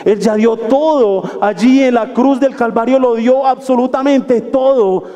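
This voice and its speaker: A man preaching a sermon as a pastor, fervent and exhorting, moving between soft pleading and raised calls. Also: extremely high pitch, fairly even intonation, unhurried. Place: church hall. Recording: echoey hall.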